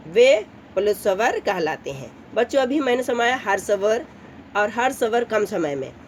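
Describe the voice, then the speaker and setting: A woman's voice: medium pitch, a little mellow, a little hiss or hum. A woman teacher giving a grammar lesson to children, explaining patiently, often checking in with the class and drawing out vowel sounds to demonstrate them. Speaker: school teacher.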